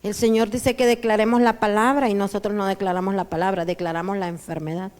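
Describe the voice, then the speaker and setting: A woman's voice: mid-range voice, fairly even intonation, quick pace. Honduran woman pastor preaching in a reverberant hall. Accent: Honduran Spanish. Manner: preaching with sudden loud declarations and soft asides. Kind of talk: sermon. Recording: church hall with long reverb.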